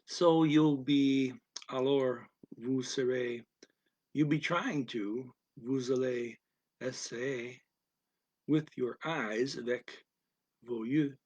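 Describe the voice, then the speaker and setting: A male language teacher works phrase by phrase, alternating each line with its translation in a soft voice that sometimes sinks almost to a whisper. He speaks extremely slowly with a husky, breathy tone. The sound is dry and close, with no room around it. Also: mid-range voice, dry recording, muffled recording. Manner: deliberate, alternates each English phrase with its French version.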